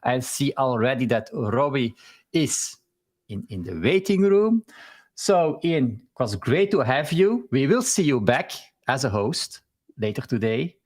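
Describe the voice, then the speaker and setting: Belgian male stream host, husky voice, halting delivery over a video call. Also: medium pitch, sing-song. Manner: halting, with many fillers and restarts. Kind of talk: casual live stream interview.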